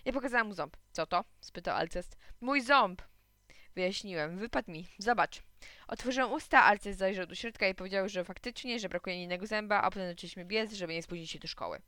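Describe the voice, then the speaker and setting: A woman's voice: mid-range voice, fast, hardly any pauses, pushed and bright, dry recording, studio quality. A woman reading a children's story aloud, narrating expressively in first person as a young boy.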